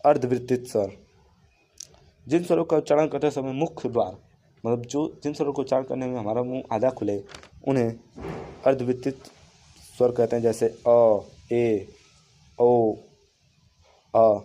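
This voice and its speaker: A man's voice: mid-range voice, fairly quick, long pauses, warm tone. A man teaching a Hindi grammar lesson in a classroom style. He restates each rule in simpler words and draws out the vowel sounds he gives as examples.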